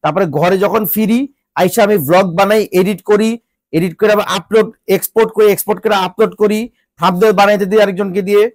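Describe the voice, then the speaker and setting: Fairly quick and steady in tone, this Bangladeshi man vlogger's voice sits high, altered by a cold that has his nose stuffed and congested. He rants at his viewers in exasperation, scolding them with repeated rhetorical questions, with no room sound.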